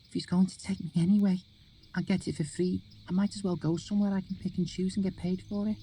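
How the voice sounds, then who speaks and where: A man's voice: sits high, little pitch movement, fast talker, dark tone, a little hiss or hum, voice pushed up. A man reading aloud, voicing a desperate, defiant runaway girl in an audiobook. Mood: bitter. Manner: bitter, defiant.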